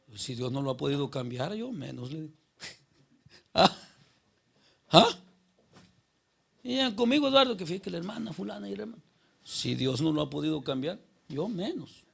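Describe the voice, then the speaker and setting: A male pastor with a high, heavily gravelly and husky voice, preaching in a church. He talks to the congregation directly, firing rhetorical questions and calling people by name. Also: animated, moderate pace, long pauses. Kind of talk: conversational sermon.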